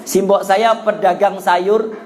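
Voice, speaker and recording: Middle-aged javanese preacher guy, kinda high voice, lively storytelling sermon. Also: slow pace, slight background noise. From Java, Indonesia. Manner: animated storyteller who acts out childhood voices. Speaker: Islamic preacher.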